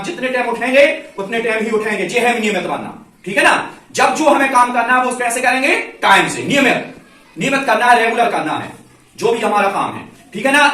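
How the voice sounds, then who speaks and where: A male schoolteacher giving a moral lesson to pupils, asking questions and repeating key words for them to answer back, and saying English phrases slowly. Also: very high voice, bright, forceful tone. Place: classroom, indoors. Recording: very echoey classroom from far off.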